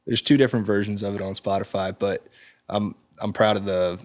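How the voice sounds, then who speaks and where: A man in his twenties, a musician guest, talking in a relaxed, halting way with frequent ums in a studio interview. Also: lowish voice. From Czech Republic. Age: 20s. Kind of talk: casual interview chat. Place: recording studio.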